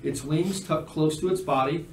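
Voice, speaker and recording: A man serving as game master, narrating a tabletop game in a slow, descriptive way that often stops to correct itself. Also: fairly high pitch, reverberant, low-quality recording.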